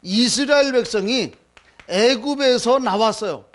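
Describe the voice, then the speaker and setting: A man preaching a Sunday sermon in Korean, retelling scripture in a conversational, animated way and acting out the quoted lines. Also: extremely high pitch, unhurried. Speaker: pastor.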